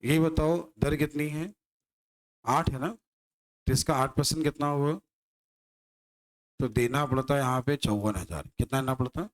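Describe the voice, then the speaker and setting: A man's voice: medium pitch, fairly even intonation, unhurried, long pauses. A male maths teacher lecturing a class, teasing his students and firing rhetorical questions at them.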